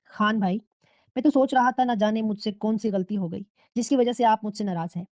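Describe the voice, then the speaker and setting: A woman reading the lines of a lonely, warm-hearted young male colleague who speaks in a friendly, earnest way. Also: medium pitch, no room sound, close to an everyday voice. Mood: pleading. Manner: friendly, teasing, then tearful and pleading. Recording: dull, dry lo-fi recording.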